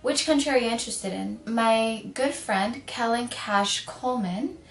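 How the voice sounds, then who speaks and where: A woman's voice: a little high, measured pace. Woman from Sudan in a roomy echo. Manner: upbeat, listing questions to viewers. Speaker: ad presenter. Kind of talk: promotional read. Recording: roomy echoing recording.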